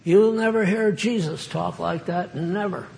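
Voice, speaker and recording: An older American man giving an informal sermon, conversational and halting with many fillers. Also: sits high, vocal fry, a little mellow, a little hiss or hum. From United States. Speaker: preacher.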